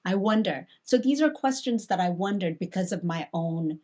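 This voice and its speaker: A woman from Hong Kong, a pastor, talking through a Bible passage in a reflective, conversational way, with frequent restarts and animated asides. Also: lowish voice, normal speed.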